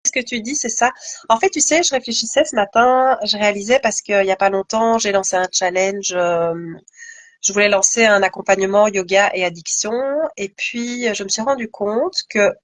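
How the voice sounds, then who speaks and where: A woman's voice: medium pitch, normal speed, dry recording. Thoughtful woman in dry close sound. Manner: thoughtful, many fillers and restarts. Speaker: guest, yoga teacher. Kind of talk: conversational live interview.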